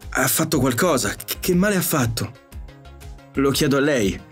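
A man's voice: medium pitch, animated, moderate pace, slightly rough, soft background music. A man voicing an agitated, frightened space crewman in an audiobook, pleading as he talks.

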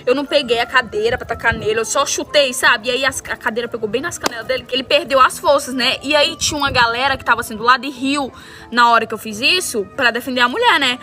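A woman telling a story in a casual, animated way and acting out the lines she quotes. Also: high voice, fast. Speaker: TikTok storyteller. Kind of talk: casual storytime over slime video. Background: background music.

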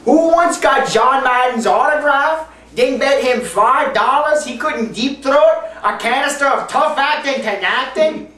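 A man's voice: very high voice, unhurried, a bit bright. A young man telling comedy jokes in a brash, exaggerated call-and-response style. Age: young adult. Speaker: comedy sketch performer. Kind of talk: shouted call-and-response joke delivery. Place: bare indoor room, standing group. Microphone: camera mic a few metres away. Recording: roomy, distant camera audio with noise.

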